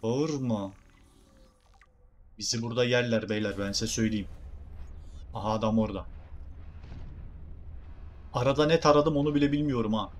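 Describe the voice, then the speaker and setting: A young Turkish-accented man streams a game and jokes with his viewers in an excitable way. His voice has an ordinary middle pitch. A faint hiss sits under it. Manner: excitable, jokey, talks to viewers. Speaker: gaming streamer. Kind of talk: game commentary.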